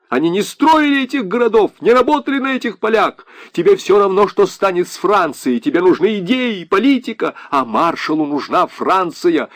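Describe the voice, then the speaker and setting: A man reading an audiobook voices an excitable middle-aged Frenchman, a fervent patriot who yells in a thin, high voice. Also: no room sound, clean studio sound. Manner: shrill, indignant shouting.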